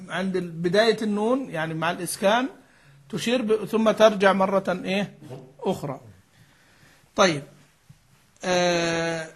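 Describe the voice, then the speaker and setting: Male recitation teacher, high voice, patient lecturing style with questions to students. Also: a bit bright, slightly rough. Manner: explains patiently with questions to the class; mixes formal and colloquial speech. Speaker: sheikh teaching Quran recitation. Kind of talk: explanatory lesson on a classical text.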